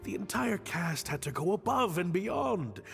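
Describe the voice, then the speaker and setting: An actor voicing a modest stage director in video game dialogue, gracious and measured. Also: male voice, sits high, sing-song, gravelly, faint music behind, full character voice.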